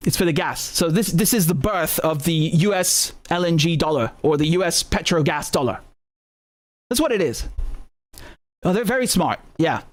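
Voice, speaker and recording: A man hosting a live stream, talking through current events in a casual, animated and sardonic way, often repeating words and swearing. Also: a little high, normal speed.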